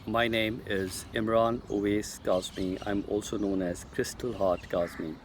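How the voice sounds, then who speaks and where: A Pakistani man with a Pakistani English accent works as a political commentator, talking straight to camera in an earnest, insistent monologue aimed directly at Americans. His voice is lowish, with fairly even intonation and a measured pace. There's a little hiss or hum in the recording.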